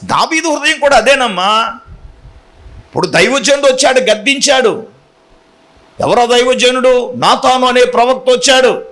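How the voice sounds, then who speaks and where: A male pastor preaching a sermon, telling the story with acted-out dialogue and calling on the congregation to answer back loudly. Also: very high-pitched, normal speed, long pauses. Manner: call-and-response, urging the congregation to answer loudly.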